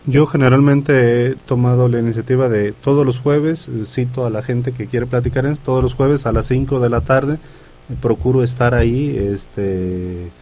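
A man's voice: mid-range voice, moderate pace, mellow, a little hiss or hum. A man, a parish priest talking casually and telling anecdotes in an easygoing way. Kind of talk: casual conversation.

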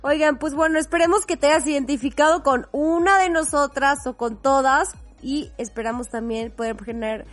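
A woman's voice: high-pitched, moderate pace, hardly any pauses, faint music behind. A young woman, co-hosting a podcast in an effusive, chatty way and laughing often. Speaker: podcast co-host. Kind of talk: casual chat.

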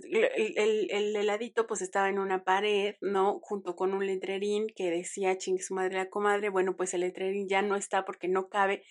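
A young woman with a Mexican Spanish accent, hosting her show in a chatty, expressive, self-mocking way. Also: mid-range voice. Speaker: podcast host. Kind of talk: casual chat.

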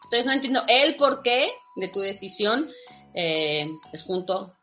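A woman's voice: medium pitch, expressive, measured pace, pushed and bright, muffled recording, soft background music. A woman, hosting a quiz and explaining spelling patiently with many fillers. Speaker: host leading a spelling quiz. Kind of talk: teasing quiz-style explanation.

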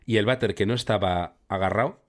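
Lively young podcaster. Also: male voice, lowish voice, a little fast. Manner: animated storyteller, acts out voices. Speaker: podcast co-host. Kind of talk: casual chat.

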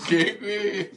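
A man's voice: high voice, fairly bright tone, a little hiss or hum. A young man with a Mexican Spanish accent, co-hosting a podcast in slangy casual chat, teasing and joking, speaking into a tripod mic. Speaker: podcast co-host.

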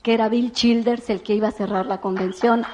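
Woman, storytelling talk, animated, acts out quoted voices, slightly high pitch. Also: brisk. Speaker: motivational speaker.

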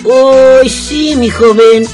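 Man doing a high-voiced Mexican taxi driver. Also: extremely slow, a little mellow, faint music behind, exaggerated voice. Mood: eager. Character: obliging, money-minded male taxi driver. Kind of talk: comic radio drama acting.

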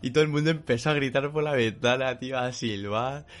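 A man's voice: mid-range voice, a little fast. Guy cohosting a podcast, laughs a lot, chatty storyteller. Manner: laughing, storytelling, bursts of shouting in retold scenes. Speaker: podcast co-host. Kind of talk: casual chat.

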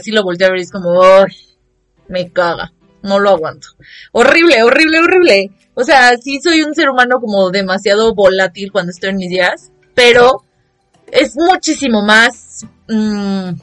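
A young woman with a Mexican Spanish accent, telling a casual vlog story in an expressive, dramatic way and mocking the people she quotes. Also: a little high. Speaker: vlogger.

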